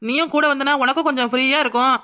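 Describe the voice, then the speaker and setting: A woman voicing a cartoon role, talking in a gentle, coaxing, consoling way. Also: high voice, steady tone, rapid-fire. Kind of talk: cartoon voice acting.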